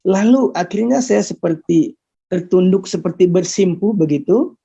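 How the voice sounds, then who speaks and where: Gravelly, earnest man testifying. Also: high voice, dark tone. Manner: earnest, halting, repeats and restarts words. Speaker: guest giving a testimony. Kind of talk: personal testimony, casual storytelling. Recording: muffled lo-fi recording.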